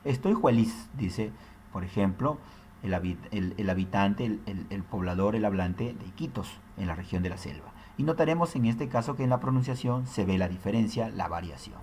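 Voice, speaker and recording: A man's voice: on the low side, moderate pace, a little mellow, slight background noise. A man teaching a recorded language lesson, explaining step by step and often tagging his sentences with questions. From Peru. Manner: explanatory, frequent tag questions.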